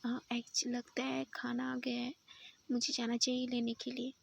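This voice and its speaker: A woman's voice: fairly high pitch, completely flat delivery, moderate pace, vocal fry, breathy edge, heavily acted. A woman voicing a caring, worried young woman in whispered role-play, fussing and insistent.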